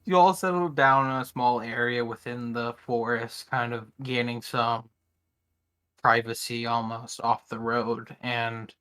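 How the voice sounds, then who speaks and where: A woman's voice: rumbling low, steady tone, a little slow, fairly bright tone. A woman narrating as game master of a tabletop game, hesitant and restarting often.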